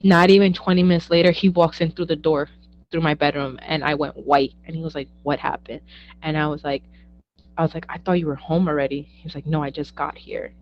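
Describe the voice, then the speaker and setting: Lively young woman telling ghost stories. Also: deep voice, fairly quick, dull audio, slight background noise. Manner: animated, acts out quoted dialogue, laughs often. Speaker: guest, psychic medium. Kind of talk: casual storytelling interview.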